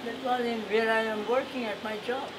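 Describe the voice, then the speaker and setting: Terse man over loud background noise. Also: very high voice, steady tone, moderate pace. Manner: terse, emphatic, non-native phrasing. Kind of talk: interview answers.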